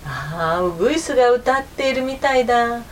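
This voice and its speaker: A woman voicing a crafty male fox in a folk tale, drawing out her words in a slow, coaxing tone. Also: a little high, animated, a little hiss or hum, natural voice. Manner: slow, coaxing, sweet-talking. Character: sly flattering male fox, crafty and rough.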